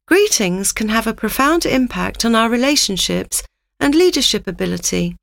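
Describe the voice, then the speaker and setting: A woman giving a scripted, instructive narration in a measured reading manner. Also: fairly high pitch, lively intonation, creaky, fairly bright tone, dry recording, studio quality.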